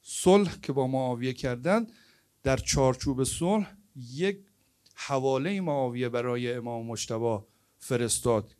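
A man preaching a storytelling sermon at an evening gathering, swinging between loud stressed words and hushed asides. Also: mid-range voice, smooth.

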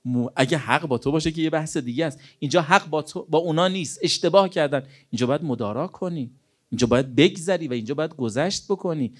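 A man preaching a sermon in an earnest, exhorting way, often asking rhetorical questions. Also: on the high side. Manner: rhetorical questions, acts out imagined dialogues.

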